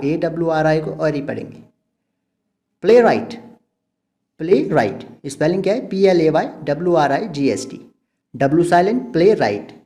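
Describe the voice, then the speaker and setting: Mellow-voiced man teaching pronunciation. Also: fairly high pitch. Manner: patient, repeats words slowly to model sounds. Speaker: English teacher. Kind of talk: explaining pronunciation to kids.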